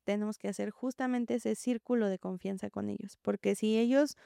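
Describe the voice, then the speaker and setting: A woman, a preschool teacher, explaining gently in an interview and acting out what children and teachers say. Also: medium pitch, steady tone, a little fast, creaky, clear, resonant tone, no echo, clean studio sound. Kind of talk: interview answer, calm explaining.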